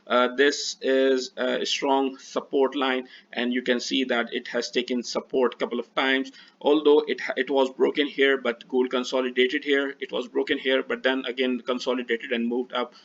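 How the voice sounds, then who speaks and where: A man whose first language is Urdu, working as a trading analyst, leads a screen-share walkthrough of trading charts, hesitating often and leaning on fillers. His mid-range voice is a bit bright and keeps a level tone at normal speed. The lo-fi recording sounds dull.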